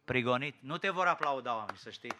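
A man's voice: mid-range voice, expressive, noisy background. A man with a Romanian accent preaching a sermon in a fiery, rhetorical and mocking way.

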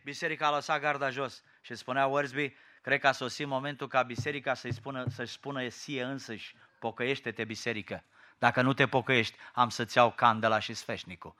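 A man's voice: mid-range voice, pushed and bright. A man with a Romanian accent preaching a sermon in a fiery, rhetorical and mocking way.

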